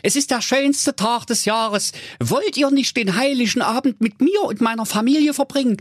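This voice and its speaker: A man's voice: high voice, big pitch swings, normal speed, no room sound, clean studio sound, voice pushed up. A man voicing a bubbly, cheerful young nephew who gushes with joy. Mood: gushing. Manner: bubbly, gushing.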